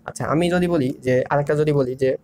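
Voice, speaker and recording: A man's voice: on the high side, brisk, crowd noise. A young man teaching an online grammar lesson, repeating key terms and asking and answering his own questions. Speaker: grammar instructor.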